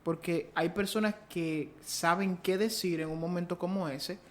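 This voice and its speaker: A woman with a fairly low voice interviews a guest on a podcast. She talks casually, posing questions and thinking aloud as she goes. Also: fairly even intonation, moderate pace.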